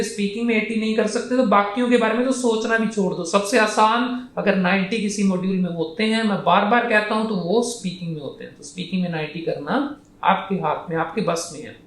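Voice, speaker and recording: A man's voice: high-pitched, a bit bright, roomy sound. A man coaching students for a speaking exam, blunt and scolding, mixing English phrases into his Hindi. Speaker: PTE speaking trainer.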